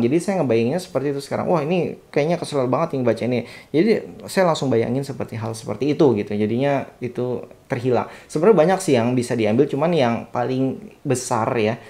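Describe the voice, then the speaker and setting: A man's voice: mid-range voice, mellow. A young man hosting his own channel, telling a personal story in a chatty, reflective way and speaking directly to his viewers. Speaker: satellite dish installer and channel host. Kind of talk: casual storytelling vlog.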